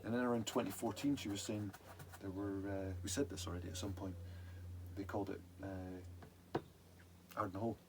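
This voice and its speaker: Male podcast co-host, lower-pitched, halting and meandering in relaxed drinks chat, some background noise. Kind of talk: casual boozy whisky chat.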